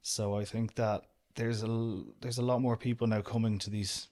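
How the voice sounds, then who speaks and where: Relaxed Irish man chatting casually. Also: on the low side, moderate pace. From Ireland. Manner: relaxed, rambling, lots of "do you know". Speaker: guest, outdoor business owner. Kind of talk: casual interview chat.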